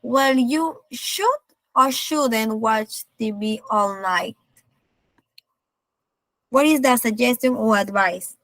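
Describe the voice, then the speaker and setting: A woman's voice: a little high, very slow, long pauses, fairly bright tone, no room sound. A woman teaching English in an online class over a video call. She explains each point in English, repeats it in Spanish, and checks in with a tag question after nearly every phrase.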